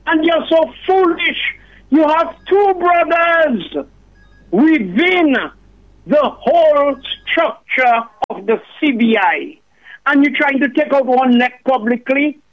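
On a muffled phone line, a male caller with an extremely high voice rants passionately to a radio show. He speaks slowly and animatedly, preaching, repeating the host's name, and firing off rhetorical questions.

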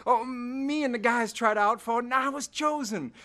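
An actor playing an eager, earnest, devout teenage son with boyish, folksy exclamations in a radio drama. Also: male voice, extremely high pitch, normal speed, pushed and bright. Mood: excited.

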